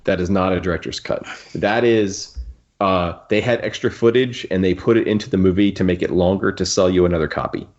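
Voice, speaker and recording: A man hosts a podcast in a low-pitched, fairly even voice, giving strong opinions about a book in a casual way. He halts and rephrases as he goes, and the audio is lo-fi, dull, and muffled.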